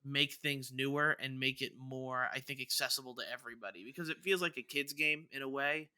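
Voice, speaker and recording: This podcast host speaks fairly quickly in a mid-range voice that sounds pushed and bright, with fairly even intonation and a clean recording free of room sound. He rambles casually through gaming news, stammering and restarting again and again.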